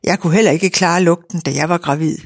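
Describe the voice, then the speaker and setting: A woman reading aloud and voicing a big, brisk, middle-aged farm wife who talks a lot and gives orders, in a dry recording. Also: fairly low pitch, fairly even intonation, dry recording. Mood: bossy. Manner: bossy and chatty.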